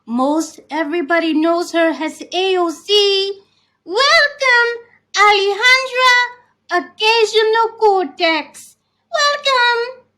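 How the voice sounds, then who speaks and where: A woman playing a glamorous, theatrical vintage-starlet talk show hostess, purring with affected, drawn-out diction. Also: very high voice, pushed and bright, exaggerated voice. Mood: gushing, grand. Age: over 40. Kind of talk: comedic in-character talk show hosting.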